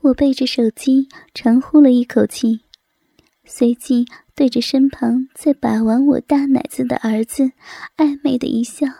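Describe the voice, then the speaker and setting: A woman narrating a story in a soft, breathy whisper. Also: sits high, steady tone, unhurried, no echo.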